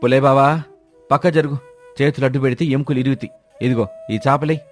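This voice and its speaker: A man voicing a cautious, kind-hearted village farmer who speaks in a steady, earnest way. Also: mid-range voice, normal speed, soft background music, natural voice. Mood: urgent. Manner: steady, earnest, shouts commands when urgent.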